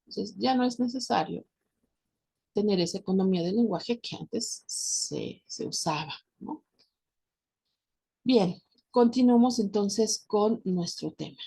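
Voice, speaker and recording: A woman's voice: mid-range voice, a little slow, creaky, pauses often, mellow, slightly rough. A woman with a Mexican accent teaching a recorded lesson, explaining patiently and checking in with her students as she goes. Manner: addresses students directly. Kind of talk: recorded class lecture.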